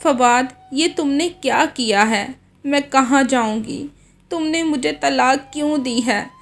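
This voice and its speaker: A woman's voice: high-pitched, slow, vocal fry, pitched above the performer's own voice, full character voice. A woman voicing a young wife, pleading and accusing in a read-aloud story. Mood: distraught. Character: young wife, jealous and heartbroken.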